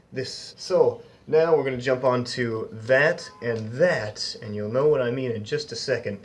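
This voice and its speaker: A young man hosting a casual beginner Japanese lesson, chatty and upbeat, slowly repeating each new word for learners. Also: medium pitch. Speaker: Japanese language teacher, channel host.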